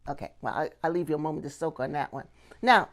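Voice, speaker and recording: A middle-aged woman runs a puppetry channel and explains things conversationally to the camera, frequently asking questions and saying "okay?" to check in. She speaks fast in a low-pitched voice.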